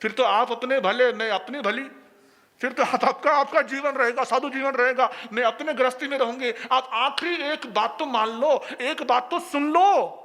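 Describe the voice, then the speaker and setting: A man voicing a patient wife who politely coaxes her husband with soft requests. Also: extremely high pitch, moderate pace, long reverb tail, heavily acted. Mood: coaxing.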